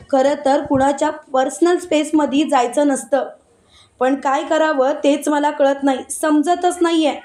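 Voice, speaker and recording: A woman voicing an angry, betrayed young wife who speaks loudly and indignantly and keeps repeating herself. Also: high voice. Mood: brooding.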